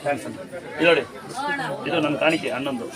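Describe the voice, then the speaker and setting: Brief: rapid-talking man, higher voice, blesses and instructs devotees outdoors, crowd noise behind. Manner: commanding, repeats instructions. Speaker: temple healer blessing devotees. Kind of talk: giving blessings and remedies to a crowd. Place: outdoor temple grounds among devotees.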